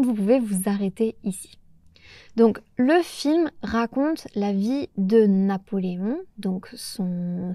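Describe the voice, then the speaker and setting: A young French woman hosting a podcast for learners, talking slowly and carefully with small pauses. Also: fairly high pitch, warm tone, dry recording. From France. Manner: slow, careful, with pauses and hesitations. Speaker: podcast host teaching French. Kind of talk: clear, measured solo talk for learners.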